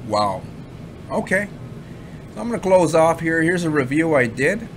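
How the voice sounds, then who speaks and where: Background noise is audible as a Canadian man from Ottawa, an online marketing reviewer, rambles bluntly and casually over a screen recording. He repeats himself, swears now and then, and speaks a little slowly in a slightly high, very animated voice.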